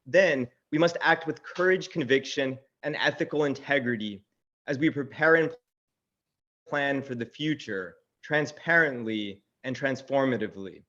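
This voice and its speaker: A man reading a measured, formal prepared comment at a public meeting. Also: medium pitch, fairly bright tone. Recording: dull muffled sound.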